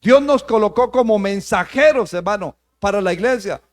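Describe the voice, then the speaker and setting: High-voiced pastor preaching. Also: male voice, lively intonation, moderate pace. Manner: preaching with rising emphasis, repeating "hermano". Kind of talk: sermon.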